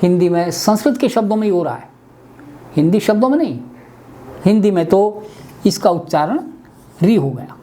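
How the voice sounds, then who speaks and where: A Hindi language teacher leads a webinar on pronunciation, carefully explaining every step and spelling out each letter as he writes it. His voice is high and lively in intonation yet dark in tone, with a faint hiss or hum in the recording.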